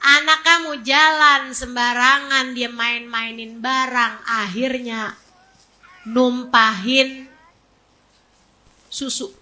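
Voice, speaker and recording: Animated woman preacher, high bright voice. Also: takes it slowly, pauses often, rough recording. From West Java, Indonesia. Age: 40s. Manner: emphatic, repetitive, animated storytelling. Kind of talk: casual sermon.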